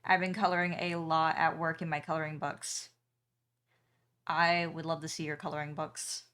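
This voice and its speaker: A woman's voice: deep voice, flat delivery, moderate pace, fairly bright tone. A young woman streamer chatting casually with her viewers while she draws, with frequent ums and small laughs. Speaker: streamer and artist.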